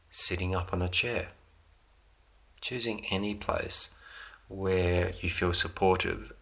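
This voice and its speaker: A deep-voiced man leads a relaxation meditation in an even, low delivery with little melodic movement and some vocal fry. His soothing instructions come in short, unhurried phrases with space left between them.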